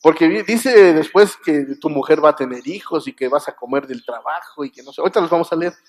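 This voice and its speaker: A man with a Mexican Spanish accent delivers a Sunday sermon in a church. His voice sits high for a man, and he speaks conversationally, stopping to ask the congregation if they agree. He often restarts and repeats words. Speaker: preacher.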